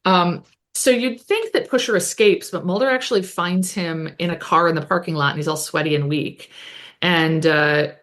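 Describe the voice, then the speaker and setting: A woman's voice: on the low side, normal speed, fairly bright tone. A woman co-hosting a podcast, recapping a TV episode in casual chat full of fillers and self-corrections. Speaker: podcast co-host.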